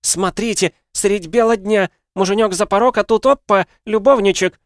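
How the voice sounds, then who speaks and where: A man voicing a hysterical, jealous young woman who shrieks accusations in a shrill voice, in an audiobook. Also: fairly even intonation, normal speed, dry recording, clean studio sound. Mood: screaming furious. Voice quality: shrill, screaming.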